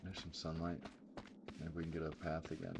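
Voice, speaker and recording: A man's voice: extremely low pitch, monotone, fairly quick, creaky, heavy background noise. A man streaming a game live, rambling casually and thinking aloud with sudden exclamations. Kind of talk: casual gameplay commentary.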